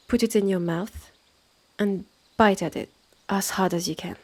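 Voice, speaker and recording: A woman with a French accent voices an impatient, sardonic witch innkeeper for a scripted, close-up second-person roleplay, keeping her mid-range voice steady. The mood is firm and commanding, while her creaky, partly hushed lines come out condescending, deliberate and clipped, with exasperated sighs.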